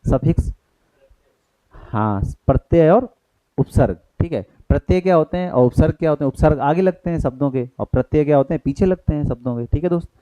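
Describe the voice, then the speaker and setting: A man's voice: on the high side, animated, a little fast, dark tone, no echo, highs cut off. A man with an Indian accent teaching an exam-prep grammar lesson, explaining in Hindi with English terms and asking and answering his own questions.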